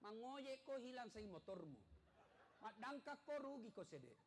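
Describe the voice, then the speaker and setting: A man putting on a shrill scolding wife. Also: very animated, moderate pace, slight background noise. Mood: scornful. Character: foul-mouthed nagging wife insulting her husband.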